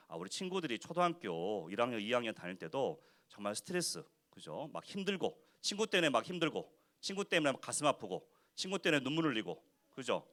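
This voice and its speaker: A man giving a children's sermon as pastor in church, animated and constantly asking the kids questions. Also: mid-range voice. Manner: acts out quoted speech in short voices. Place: church worship service for children.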